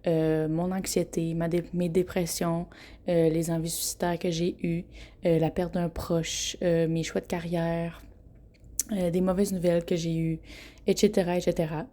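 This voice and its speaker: Young woman, Québécois accent, frank chatty podcast host, laughs a lot, stumbles on words, lowish warm voice. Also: little pitch movement, normal speed. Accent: Québécois French. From Quebec. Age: 20s. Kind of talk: casual solo podcast monologue.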